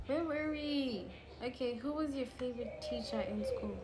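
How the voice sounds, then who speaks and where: A South African YouTuber in her twenties talks casually to the camera in her living room, wandering off into joking asides. Her voice sits high and her pace is normal. There's a lot of background noise.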